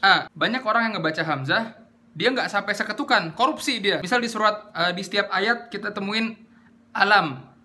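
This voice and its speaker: A young man, giving a casual, slangy lesson on Quran pronunciation and sounding out the letters slowly to demonstrate. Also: sits high, sharp tone. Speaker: Quran recitation teacher. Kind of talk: casual tajwid lesson with recited examples.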